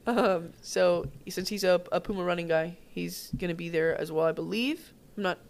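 A woman's voice: lowish voice, normal speed, vocal fry. A woman in her thirties, co-hosting a gym podcast in an upbeat, chatty casual conversation. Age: 30s. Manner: chatty, upbeat, trailing off mid-sentence. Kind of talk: casual chat.

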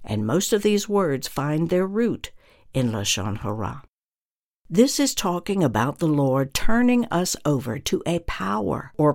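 A minister delivers a scripted religious teaching in a medium-pitched voice with some vocal fry. He speaks earnestly and deliberately, laying out each phrase with emphasis.

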